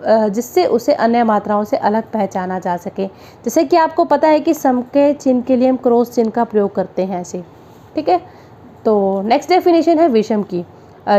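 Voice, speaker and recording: A woman's voice: fairly high pitch, dark tone. A woman teaching music theory for an exam, asking rhetorical questions and answering them, and singing out note syllables as examples. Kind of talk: exam-prep lecture.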